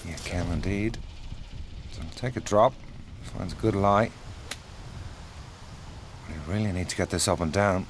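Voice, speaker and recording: Low-voiced golf commentator man, noisy outdoor sound. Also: a little slow, pauses often. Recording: clear outdoor ambient noise.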